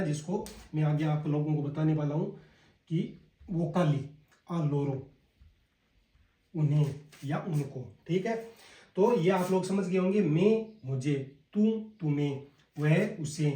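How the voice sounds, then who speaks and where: A man with a Hindi accent teaching a casual spoken lesson, drilling words slowly one by one and calling his viewers brother. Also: on the high side, warm tone. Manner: slow and repetitive, drilling words one by one, addresses viewers as "bhai". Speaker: language teacher. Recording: echoey room, voice a bit far from the mic.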